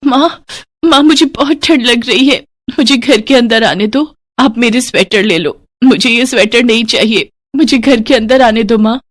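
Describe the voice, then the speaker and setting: Small pleading girl for a cartoon story, voiced by a woman, high and tearful. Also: moderate pace, close to an everyday voice. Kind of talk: animated storybook voice acting.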